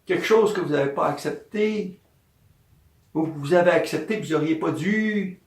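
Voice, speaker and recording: A man's voice: a little high, normal speed. A man with a Quebec French accent, a massage therapist giving an informal health talk, repeating his points and asking and answering his own questions. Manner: animated, repeats points, asks and answers himself. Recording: echoey room, mic at a distance.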